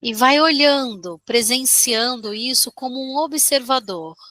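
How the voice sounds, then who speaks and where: Brazilian female meditation guide: soothing delivery, higher-pitched and clearly bright, gentle instructions with generous pauses. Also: no room sound.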